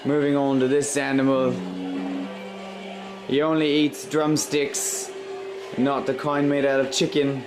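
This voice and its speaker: A man playing a deadpan wildlife documentary narrator in a comic spoof. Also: medium pitch, a little slow, pauses often, over music, lightly acted. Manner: deadpan, flat spoof commentary. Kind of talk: comic nature-documentary parody.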